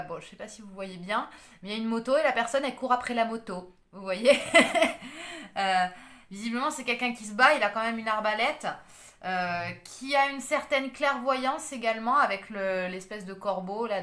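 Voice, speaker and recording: A woman's voice: fairly high pitch, a bit bright. Hesitant woman reading tarot in echoey room. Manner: hesitant, many fillers and restarts. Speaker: tarot card reader. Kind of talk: casual astrology card reading.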